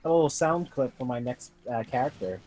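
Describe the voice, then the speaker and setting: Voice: medium pitch, animated, brisk, darkish tone, faint music behind. A co-player on a casual gaming stream, trading playful, teasing banter.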